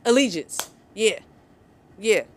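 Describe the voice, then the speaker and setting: A woman's voice: mid-range voice, lively intonation, slow, a little hiss or hum. A woman vlogger, giving angry, sarcastic opinion commentary. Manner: heated, sarcastic, mocks others in put-on voices.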